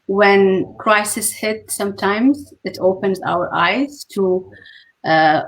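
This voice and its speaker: A woman, hosting a casual talk show over a video call and pausing often on fillers. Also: lowish voice. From Lebanon. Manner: unhurried, many filler pauses. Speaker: host.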